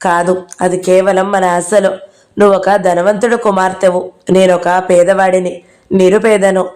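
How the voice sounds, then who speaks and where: A woman reads a novel aloud for an audio book, giving every character's lines herself. Her pitch stays level with almost no rise or fall, so the reading has a steady, even sound. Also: a little slow.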